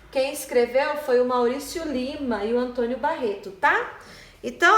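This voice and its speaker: A woman's voice: high voice, a bit bright. A woman teaching a primary school class in a recorded online lesson, explaining patiently and checking in often with her pupils. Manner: patient, explains slowly with frequent "né?" and "tá?". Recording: echoey room.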